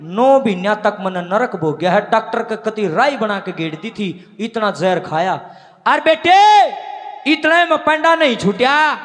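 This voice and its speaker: A man's voice: sits high, moderate pace, few pauses, lightly acted. Man voicing a wise Haryanvi village mother. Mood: tender, lecturing. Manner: earnest storytelling cadence. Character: devoted village mother, older woman, patient and wise. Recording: long reverb in a large hall.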